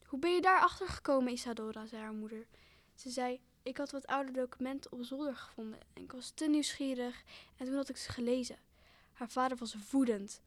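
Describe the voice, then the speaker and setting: A young woman reads a homemade children's story aloud in a high voice. Her delivery is plain and earnest. The sound is close and dry, with no room around it. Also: steady tone, fairly quick, no room sound.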